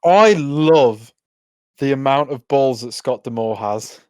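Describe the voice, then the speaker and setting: A man's voice: mid-range voice, takes it slowly, dry recording, clean studio sound. A man co-hosting a podcast, chatting casually with enthusiasm and frequent laughter. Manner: enthusiastic, laughs often, jokes. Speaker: podcast co-host. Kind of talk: casual recap chat.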